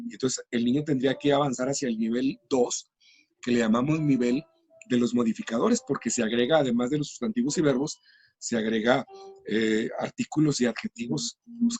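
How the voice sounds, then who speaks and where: A man's voice: medium pitch, lively intonation, fairly quick, a little mellow, slightly rough. A middle-aged man, a teacher trainer explaining classroom practice patiently in an interview.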